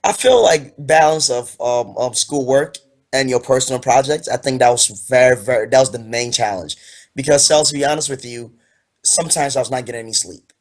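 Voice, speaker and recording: A man's voice: mid-range voice, fairly quick. A young man in his twenties, originally from Ghana, talking as an author guest in a casual interview, earnest and rambling with fillers.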